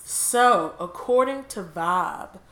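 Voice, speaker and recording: A woman's voice: mid-range voice, expressive, slow pace, a bit bright. A young woman with a slight lisp, co-hosting a casual celebrity gossip chat, talking loosely with fillers and frequent laughs. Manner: chatty, laughs often, loose filler-heavy delivery. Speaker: podcast co-host. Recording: roomy echoey room.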